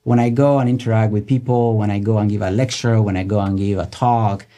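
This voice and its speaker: A middle-aged man from Colombia talks quickly in a relaxed, lower voice. He is an eager guest in an interview. He restarts sentences often and keeps tagging them with "right?". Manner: enthusiastic, with many restarts and "right?" tags. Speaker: guest researcher. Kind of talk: casual interview talk.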